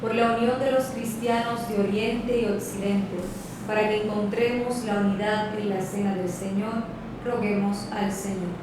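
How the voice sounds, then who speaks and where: A woman reading the prayers of the faithful at Mass in a slow, measured liturgical style. Her voice carries a heavy church echo from afar. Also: mid-range voice, fairly even intonation, noisy background. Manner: slow, measured intoning with set refrains. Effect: heavy church echo, heard from afar. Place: large church. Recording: reverberant church from far off, guitar behind.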